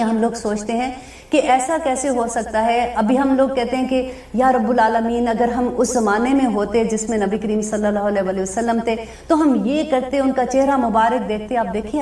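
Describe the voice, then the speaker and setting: A fairly high-voiced woman teaches scripture, pausing to translate each phrase in a slow, deliberate way. Her voice sounds roomy and comes from some distance away from the microphone. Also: darkish tone. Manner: explains with everyday examples. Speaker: Islamic speaker. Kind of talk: religious lecture with Quran commentary.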